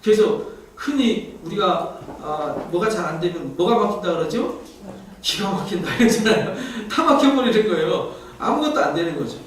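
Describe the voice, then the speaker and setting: A man's voice: high voice, animated, moderate pace, slight background noise. A male pastor giving a Sunday sermon in a conversational way, often putting questions to the congregation and leading it in reading scripture aloud. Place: church sanctuary. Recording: echoey church hall, mic at a distance.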